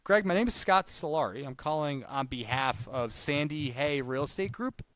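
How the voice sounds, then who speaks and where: With an expressive, fairly bright voice on the high side, a man at a normal speed runs live cold-call demonstrations and mixes in coaching talk. He is a sales caller and trainer who chats informally and repeats points for emphasis. The recording is dry.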